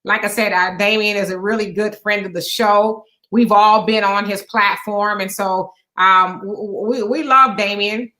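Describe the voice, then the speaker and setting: A woman's voice: medium pitch, steady tone, measured pace, few pauses, sharp tone. A woman co-hosting a casual political talk show, chatty and meandering with lots of fillers. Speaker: co-host.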